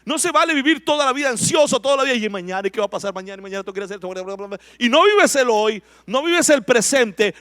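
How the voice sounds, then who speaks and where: A male pastor preaching a sermon with emphatic delivery, slowing down to read scripture aloud. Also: high-pitched, a bit bright, no room sound, studio quality.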